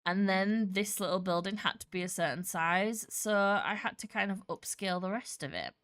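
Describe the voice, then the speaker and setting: A woman's voice: mid-range voice, normal speed, a bit bright, dry recording, studio quality. A woman streaming a building game, chatting casually and rambling with lots of restarts, her nose congested and a slight cough in her voice. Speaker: Minecraft streamer. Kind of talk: casual live-stream commentary while building.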